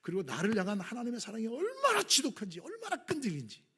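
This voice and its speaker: A man preaching a sermon as pastor, impassioned, dropping to hushed whispers and rising to near-shouts. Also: extremely high pitch, wildly swooping pitch, fast, slightly rough. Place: church sanctuary.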